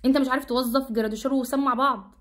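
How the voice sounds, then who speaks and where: Egyptian woman, high-pitched vlogger, rapid exasperated ranting commentary. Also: fairly even intonation, fairly bright tone. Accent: Egyptian Arabic.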